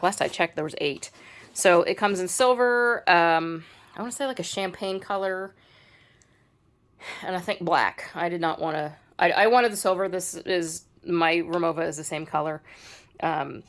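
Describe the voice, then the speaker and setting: A woman vlogger from the United States giving a casual, rambling luggage review at home, often restarting her sentences. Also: fairly low pitch. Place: home room. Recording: distant mic, faint noise.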